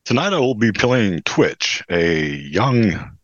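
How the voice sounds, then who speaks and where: A man's voice: lowish voice, no echo, dull audio. A man in a tabletop game eagerly describing his hero and chatting with the table. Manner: eager, quick, excitable. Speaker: player. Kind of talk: casual chat.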